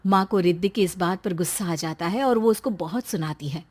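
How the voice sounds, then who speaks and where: A woman's voice: lowish voice, a little fast, darkish tone. A woman narrating a storybook tale in a plain storytelling manner.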